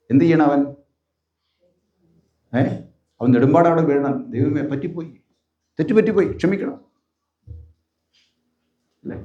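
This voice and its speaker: A man's voice: on the high side, darkish tone, dull audio. A man preaching a sermon as a bishop, asking rhetorical questions and answering them himself. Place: large echoing church. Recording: roomy church echo.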